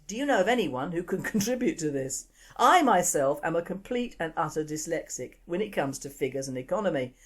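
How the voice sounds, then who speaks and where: A woman with a posh English accent presents a news podcast in a notably low voice. She reads steadily from a script and drops in dry, wry asides as she goes. Her delivery is measured commentary rather than casual chat. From England.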